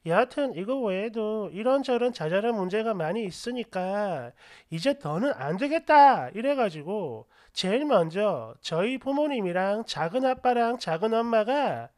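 A woman's voice: on the high side, darkish tone. A woman narrating a family story in a chatty, indignant way.

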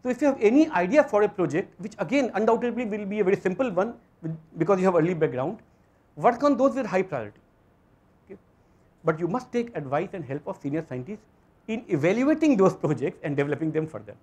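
A man with an Indian accent giving a motivational lecture to students, emphatic, repeating phrases and asking rhetorical questions in a husky voice. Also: high-pitched, expressive, fast talker, a little mellow. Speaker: physics lecturer. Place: auditorium stage.

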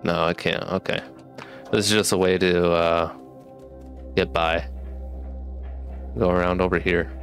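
A man's voice: sits low, little pitch movement, unhurried, long pauses, a bit bright. A young man doing casual let's play commentary, talking with retainers in his mouth and a little sick with a cough. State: getting over a sickness with a cough. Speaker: gaming streamer. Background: game music.

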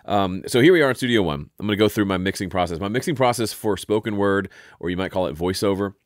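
Man, deep resonant voice, casual tutorial host, relaxed and chatty, dry close mic. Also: quick pace, no echo. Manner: relaxed, chatty, self-interrupting. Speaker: audio software tutorial host.

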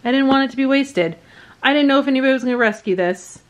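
A woman's voice: high-pitched, quick pace. A woman casually showing off her vintage finds at a table at home, chatty and gushing, often trailing off and restarting. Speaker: vintage reseller vlogger. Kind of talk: casual show-and-tell haul narration.

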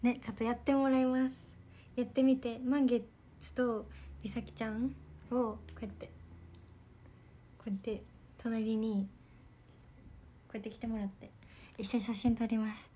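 Young woman idol streamer, bubbly and giggly, soft casual chat with viewers, voice on the higher side. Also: flat delivery, normal speed, pauses often. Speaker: idol livestreamer. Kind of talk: casual livestream chat reading comments.

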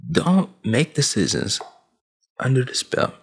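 Taking it slowly, a Sudanese vlogger in his twenties who grew up in Saudi Arabia gives a motivational rant to camera in a low, husky rasp that moves in lively swings. He sounds like a preachy big brother, emphatic and gesturing, speaking into a headset boom mic in a small, dim home room with a gaming chair behind him.

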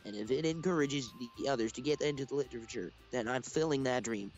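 A man voicing a cheerful teenage girl club president, read in a flat, robotic way that speaks the punctuation aloud. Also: mid-range voice, quick pace, faint music behind, close to an everyday voice. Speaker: let's play voice actor. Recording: dull lo-fi recording.

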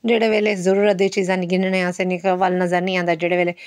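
A woman's voice: lowish voice, level tone, racing, a little mellow, clean tone, dry recording. A middle-aged woman, chatting casually in a rambling vlog voice-over with many fillers. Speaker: beauty parlour owner and vlogger.

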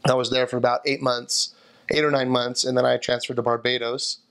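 A man's voice: mid-range voice, level tone, a little fast, gravelly, a bit bright, clean tone. A man in his thirties, seated indoors, recalling past travels in a rambling interview answer full of restarts and fillers. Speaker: returned missionary interviewee. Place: indoor room by a window, seated in armchair.

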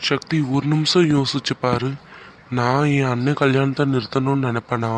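A man's voice: mid-range voice, steady tone, moderate pace, a little hiss or hum, natural voice. A man voicing a young man who earnestly pleads with the woman he loves. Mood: pleading. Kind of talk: cartoon voice acting.

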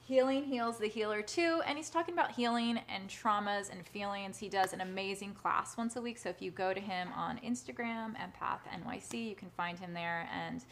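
A woman hosting a live social-media conversation, talking fast and in a bubbly way. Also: mid-range voice, a bit bright, slight background noise. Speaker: host.

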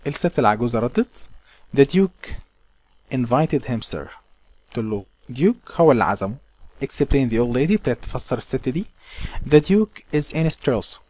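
A man with an Egyptian accent who teaches by reading passages of a novel slowly and then explaining them casually in colloquial speech. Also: medium pitch, expressive, darkish tone, dry recording.

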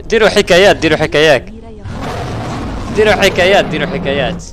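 A man with an Algerian Arabic accent hosting a game livestream, repeating phrases over and over and thanking viewers excitedly. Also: fairly high pitch, racing, music in the background. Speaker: gaming livestream host. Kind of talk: live-stream game commentary, thanking viewers.

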